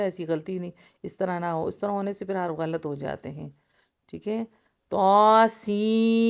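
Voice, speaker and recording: A woman teaches the rules of Quran recitation in a smooth, clear voice. She explains each letter patiently, step by step, and draws out the recited sounds at length. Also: on the low side, mellow. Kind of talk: tajweed lesson, explaining and reciting.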